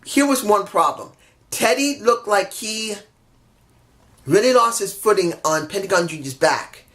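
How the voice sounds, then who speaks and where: This wrestling show reviewer has a high, bright-ish voice with lively intonation and a slightly slow delivery. He's under the weather with a stuffy head cold, and his casual solo review wanders as he corrects himself, says sorry for mix-ups, and mutters frustrated asides.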